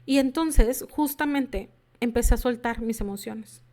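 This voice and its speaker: A woman's voice: fairly high pitch, unhurried, mellow. A woman, telling her personal story to an audience in a confessional manner and acting out remembered conversations. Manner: confessional, acts out remembered dialogue. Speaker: workshop speaker sharing her story.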